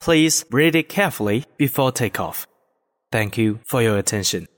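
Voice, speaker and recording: A man delivers formal in-flight safety instructions, his pitch moving freely up and down. A long reverb trails behind each phrase. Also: moderate pace. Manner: formal, even announcement delivery. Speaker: cabin announcement reader. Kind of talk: scripted in-flight announcement.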